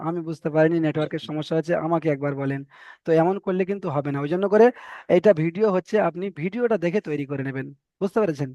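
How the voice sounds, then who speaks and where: A man with a high voice leads an online Quran reading class, patiently spelling out Arabic letters and drawing them out slowly. His voice sounds dry and close, with a dull, lo-fi quality from the call. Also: mellow, dry recording.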